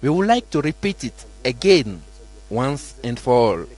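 A man speaking as a live interpreter voice, rendering a politician's statement into English in a measured, deliberate way. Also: mid-range voice, very animated, darkish tone. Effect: live interpreter voice, speaking over a press statement.

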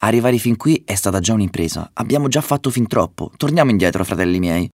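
A man's voice: on the low side, expressive, fairly quick, darkish tone, no echo, clean studio sound. A man voicing a timid, homesick young male carp who pleads fretfully with his brothers in a storybook reading. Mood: pleading.

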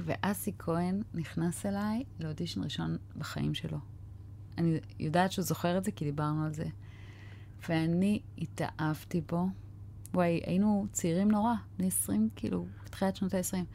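A woman's voice: fairly low pitch, dark tone, a little hiss or hum. A woman with an Israeli accent talking conversationally as an interview guest, stressing her points through repetition. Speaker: casting director interviewed as guest.

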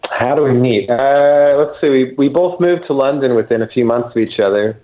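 A man, a guitarist and guest on the line, talking in a relaxed, halting way. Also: medium pitch, narrow, tinny audio. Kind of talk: casual interview chat. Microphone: phone line.

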